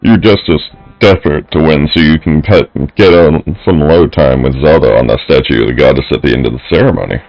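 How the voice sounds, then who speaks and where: A man's voice: very deep voice, a little fast, hardly any pauses, lo-fi sound, soft background music. A man voicing a swaggering young male bully who taunts a classmate in a video game. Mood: taunting.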